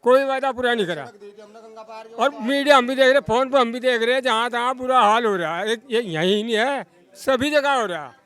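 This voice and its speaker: A man with a very high voice answering a street interview, indignant and forceful as he complains. He speaks emphatically and often demands answers back. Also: normal speed. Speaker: villager interviewed.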